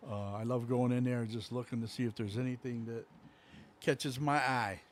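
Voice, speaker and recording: A middle-aged man co-hosts a casual local talk show. He rambles along in an easygoing way, filling the gaps with lots of "uh" and "you know". His voice sits at an ordinary middle pitch. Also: steady tone, moderate pace, slight background noise. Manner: rambling, easygoing, many fillers. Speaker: co-host. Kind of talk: casual chat.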